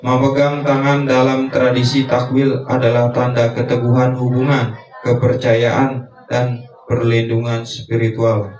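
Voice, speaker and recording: Slow, flat-voiced man interpreting dreams. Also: mid-range voice. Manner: slow, measured phrasing in short clauses. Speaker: dream interpreter and religious teacher. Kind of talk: reflective religious dream interpretation. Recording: echoey room, distant mic.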